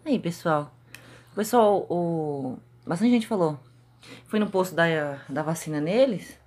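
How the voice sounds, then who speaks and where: Chatty Brazilian mom with lively voice. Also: female voice, lowish voice, a little slow. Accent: Brazilian Portuguese. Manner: chatty, talks sweetly to her babies. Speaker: mother of twin babies. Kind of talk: casual home vlog.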